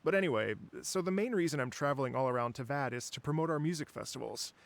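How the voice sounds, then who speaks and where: A man voicing a polite, dreamy wandering musician in a video game, who speaks in a gentle, courteous and wistful way. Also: medium pitch, lively intonation, fast talker, vocal fry. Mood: storytelling.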